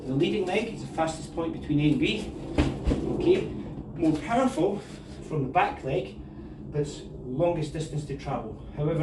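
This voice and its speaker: A Scottish-accented man gives a martial arts tutorial, relaxed as he talks through each move while demonstrating it. His voice is a little high, and there's background noise; the room is echoey and the mic sits at a distance.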